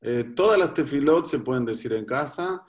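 A man's voice: mid-range voice, lively intonation, normal speed. A man, a rabbi explaining prayers step by step and repeating key phrases. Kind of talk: religious teaching in a talk.

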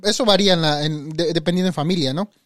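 Male co-host from Mexico, high voice, guiding chat, dry close mic. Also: fast, a bit bright, no room sound. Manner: guiding, explains and asks follow-ups. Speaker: podcast co-host. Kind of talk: casual family chat.

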